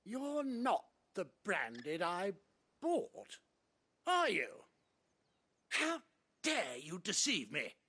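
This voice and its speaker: Snooty cruel lord for a video game, super indignant, bright sharp voice that swings all over. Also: male voice, high-pitched, huge pitch swings, very slow, long pauses, exaggerated voice. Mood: haughty anger. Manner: pompous, indignant. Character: haughty cruel nobleman father, pompous and sneering.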